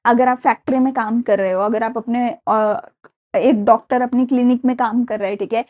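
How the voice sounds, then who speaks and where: A woman's voice: on the high side, steady tone, moderate pace, a little mellow. A young Indian woman teaching a recorded class lecture, explaining step by step with rhetorical questions and frequent checks with her students. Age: young adult.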